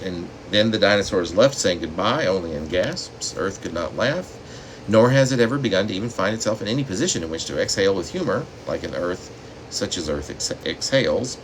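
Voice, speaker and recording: A poet with a very deep voice reads his own work, adding spoken asides between pieces. The rough recording carries steady room noise and an air conditioning hum.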